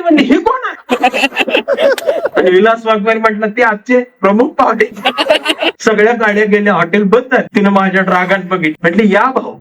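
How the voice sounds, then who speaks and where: Guy with a high voice telling a story onstage, acts out all the dialogue, sounds far from the mic. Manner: animated anecdotal storytelling, acting out dialogue. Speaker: public speaker. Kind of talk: storytelling speech to an audience.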